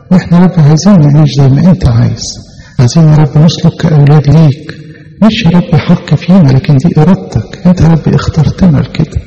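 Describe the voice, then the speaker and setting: This voice sits on the high side, creaky and dark in tone. It's a man with an Egyptian Arabic accent leading a church in fervent, spontaneous prayer, earnestly pleading and repeating his requests to God. The sound is lo-fi and dull, washed in long hall reverb.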